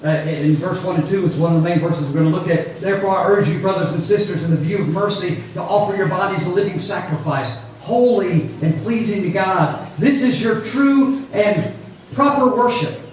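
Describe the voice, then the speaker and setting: His voice sits high with a darkish tone, moving at a moderate pace as he preaches informally and repetitively, in a folksy manner, to young listeners. He's a preacher at a youth camp giving a casual sermon; the mic is distant, the room echoes, and there's faint background noise.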